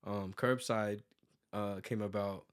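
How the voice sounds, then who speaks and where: This thirtysomething American man, New York-born and Virginia-raised, has a fairly low voice and takes his time with a steady tone. As an interview guest and graphic designer who owns a business, he rambles casually, sprinkling in "like" and restarting thoughts as he explains himself.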